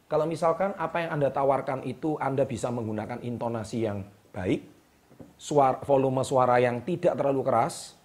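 A man hosting a motivational talk straight to the camera, emphatic and repeating key words with a drawn-out "ya". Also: mid-range voice, a little mellow. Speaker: host. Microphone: speaking straight to the camera.

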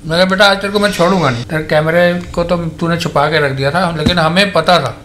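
A man's voice: on the high side, fairly even intonation, fast, a bit bright, a little hiss or hum. A middle-aged father at home, talking in a stern, scolding, threatening way. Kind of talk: family argument at home. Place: family home indoors.

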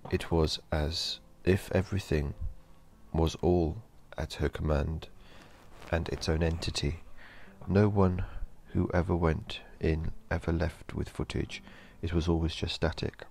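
A man narrating a horror story in a slow, measured storytelling delivery. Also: extremely low pitch, gravelly, darkish tone.

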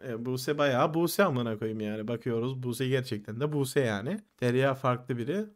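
A man in his twenties tells a personal story in a casual, animated way, swearing freely and acting out what his friends said. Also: medium pitch, moderate pace. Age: 20s. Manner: animated, swears a lot, acts out friends' quoted lines. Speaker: podcast host telling a personal story.

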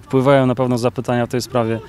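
A male sports reporter interviewing a player outdoors beside a pitch, asking long questions with filler sounds. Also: little pitch movement, fast, darkish tone. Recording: faint outdoor noise.

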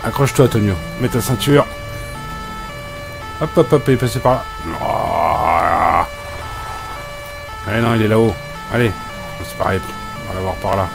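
A man's voice: lowish voice, a little slow, gravelly, long pauses, music in the background. A man giving comic role-play commentary over gameplay, scolding and exasperated in a joking banter. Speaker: gameplay video creator.

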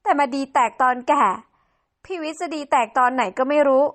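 A woman's voice: high-pitched, a little fast, natural voice. Woman playing a sad, sweet young daughter. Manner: tearful, sweet.

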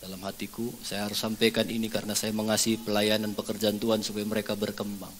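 A male pastor, preaching through a story, swinging between loud and hushed. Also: fairly low pitch, completely flat delivery, quick pace, a little hiss or hum. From North Sumatra, Indonesia. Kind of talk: sermon.

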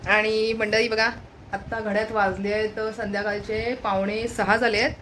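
This home vlog features a woman whose mid-range voice holds a level tone at a moderate pace, sounding a little bright. She talks casually straight to the camera for her viewers, cooing to her pet now and then, and she's low-voiced from fasting. A slight hiss or hum runs through the recording.

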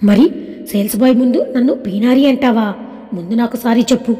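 A woman's voice: fairly high pitch, a little fast, natural voice. A woman voicing a feisty, playful young woman who teases and bosses her friend. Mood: sulky. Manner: teasing, bossy, lively. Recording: echoey room with long reverb.

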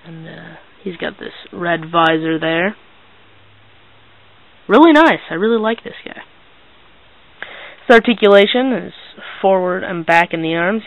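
A teenage boy giving a casual hands-on toy review in a hesitant, halting, low-key way. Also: gravelly, a bit bright, no echo, muffled recording. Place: small bedroom, indoors.

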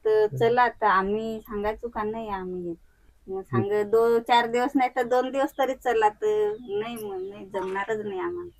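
A woman's voice: on the high side, moderate pace, darkish tone. A village woman answering questions in a plain, matter-of-fact way. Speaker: villager, crow's household. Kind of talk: casual chat.

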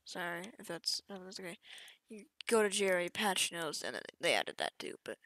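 A young woman's fairly low voice swings widely in pitch as she casually walks through a game update on screen capture. She talks at normal speed with a fairly bright tone, chatty and offhand, often trailing off mid-thought. She's a gaming YouTuber, and the recording is dry.

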